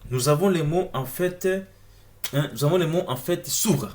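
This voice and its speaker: A man giving an informal online video lecture over on-screen text speaks at normal speed in a fairly high, slightly mellow voice. He addresses viewers directly with questions and often repeats words while searching for them.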